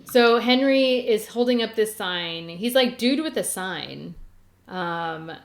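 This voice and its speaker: A woman's voice: medium pitch, expressive, takes it slowly. A woman hosting a podcast, chatting casually as she recaps episodes, with lots of "like" and "or whatever". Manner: chatty and conversational, full of 'like' and 'or whatever'. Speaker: podcast host. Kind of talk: casual chat recapping a teen drama.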